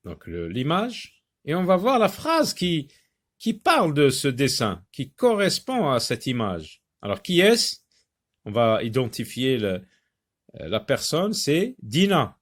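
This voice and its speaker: A man teaching a reading lesson to young children, repeating words slowly and patiently with many hesitant fillers. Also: mid-range voice, huge pitch swings. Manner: slow, patient, repeats words and syllables for learners; frequent hesitations with drawn-out fillers.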